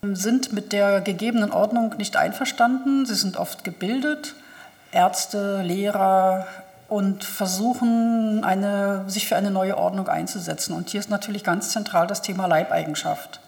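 A woman's voice: mid-range voice, steady tone, a little slow, vocal fry, a little mellow. A woman translator reading a novel aloud and then talking thoughtfully about its author. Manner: thoughtful, with fillers. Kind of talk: literary reading and talk. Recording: long hall reverb.

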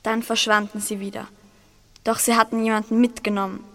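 A woman's voice: fairly high pitch, little pitch movement, a little fast, fairly bright tone, big-room sound. A schoolgirl playing a grave old village innkeeper. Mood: ominous. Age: teens. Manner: storytelling, ominous.

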